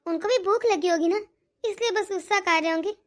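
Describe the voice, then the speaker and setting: A woman voicing a worried aging mother in a cartoon, gentle and coaxing. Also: very high-pitched, fairly quick. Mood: soothing. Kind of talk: cartoon dialogue.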